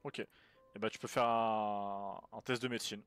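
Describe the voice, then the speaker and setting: A man's voice: lowish voice, steady tone, normal speed, fairly bright tone, clean tone. A man improvising narration as game master of a tabletop role-playing game. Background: background music.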